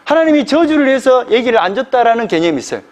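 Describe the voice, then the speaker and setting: A man preaching an expository sermon as pastor, animated, asking the congregation rhetorical questions. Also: very high voice, quick pace.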